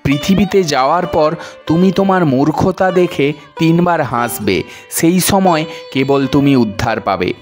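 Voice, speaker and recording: A man's voice: on the high side, a little slow, faint music behind, lightly acted. A man doing a stern, scolding god of death. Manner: scolding, commanding. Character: stern angry male god of death judging.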